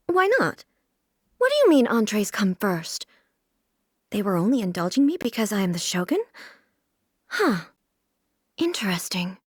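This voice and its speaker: An actress playing a regal, aloof immortal shogun in a video game, speaking in a formal, stately, measured way. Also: female voice, a little high, husky, no echo, clean studio sound. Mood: curious. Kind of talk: scripted video game character voice lines.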